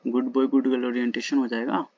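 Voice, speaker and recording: A man working through old exam questions in a casual lesson, reading the English question text slowly and then explaining quickly in Hindi, recorded at home at night. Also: mid-range voice, little pitch movement, a little mellow, lo-fi sound. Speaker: exam-prep teacher.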